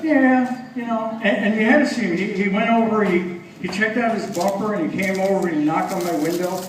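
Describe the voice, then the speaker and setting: Higher-voiced male comic, self-mocking and chatty. Booming room echo, heard from far off. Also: brisk, slight background noise. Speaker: stand-up comedian. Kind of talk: stand-up comedy set. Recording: echoey club from far off. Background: audience laughing.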